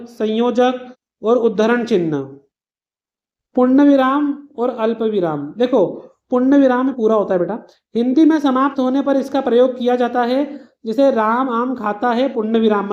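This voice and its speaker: Woman, teacher, exam revision lesson, patient explanations, everyday examples, mellow tone. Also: a little high, lo-fi sound. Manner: explains patiently with simple everyday examples, addresses students as "beta".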